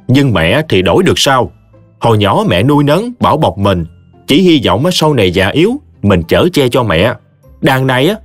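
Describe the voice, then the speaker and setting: A man's voice: mid-range voice, dry recording, close to an everyday voice. A man voicing a stern male village teacher who lectures his friend scornfully.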